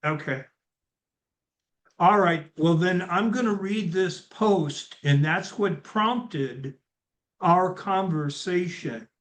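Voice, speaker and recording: A man hosts a relaxed interview over a video call. He talks slowly and in a halting way, restarting his sentences and filling pauses with "uh" and "um". His voice sits a little high for a man. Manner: halting, many fillers and restarts. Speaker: interview host.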